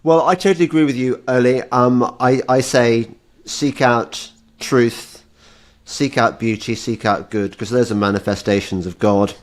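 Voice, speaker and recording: A man hosting a podcast interview, speaking in measured, unhurried remarks. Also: mid-range voice, fairly even intonation. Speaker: podcast host. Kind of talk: conversational interview.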